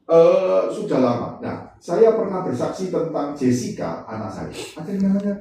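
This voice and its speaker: A man preaching a sermon in a conversational, lively way, acting out exchanges and laughing often. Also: fairly high pitch, normal speed, creaky, slight background noise. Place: church hall. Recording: echoey hall from far off.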